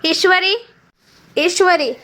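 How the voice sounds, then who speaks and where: A woman's voice: sits high, moderate pace, lightly acted. A woman voicing a young farmer husband in a spoken storybook, patient but stern and reproachful.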